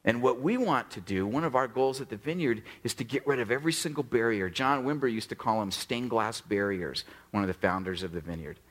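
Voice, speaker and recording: A middle-aged male pastor preaching with a lively, swinging pitch. He tells stories in a casual, animated way and slips into quick little voices for the people in them. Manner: animated storytelling, acts out quoted dialogue. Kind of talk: sermon.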